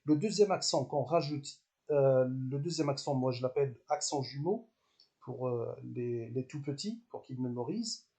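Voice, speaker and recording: A man teaching a language lesson, explaining step by step with patience, repeating syllables slowly and pausing with hesitant fillers. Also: medium pitch, expressive, warm tone.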